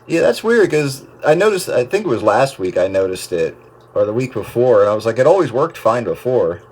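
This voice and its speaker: Through a static-laden radio signal, the host of an amateur radio chat talks casually and ramblingly about gear, letting his sentences trail off. His mid-range voice is very animated and brisk.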